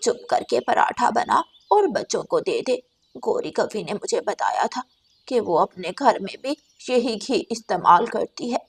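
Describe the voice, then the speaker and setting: Woman voicing an old grandmother sparrow, cartoon, grumbling, stubborn, soft. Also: on the high side, sing-song, measured pace, creaky, slightly rough, heavily acted. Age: older. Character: grumpy old grandmother sparrow, thrifty mother-in-law.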